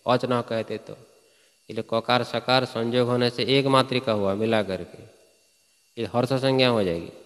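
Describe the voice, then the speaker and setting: A man's voice: mid-range voice, fairly even intonation, normal speed. A man teaching Sanskrit grammar in a class, reciting rules and often asking his students questions to check they follow. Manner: recites Sanskrit sutras then explains. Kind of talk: classroom lecture. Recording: reverberant hall.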